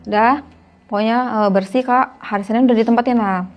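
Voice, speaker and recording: Young woman, higher-pitched. Chatty guest telling a spooky story. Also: steady tone, a little fast, highs cut off. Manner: chatty, keeps addressing the listener as "Kak". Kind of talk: casual horror storytelling.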